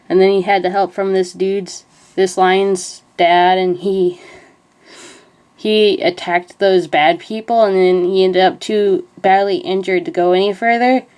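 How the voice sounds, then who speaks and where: A young woman retells movie scenes in casual, rambling commentary, using a medium-pitched voice that is clear, resonant, and a little mellow. She keeps a level tone and measured pace, though her talk meanders and leans heavily on "like."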